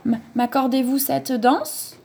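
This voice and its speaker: A woman's voice: on the high side, big pitch swings, a little slow, darkish tone, slight background noise. A woman voicing a polite, somewhat timid young male wolf in a children's story.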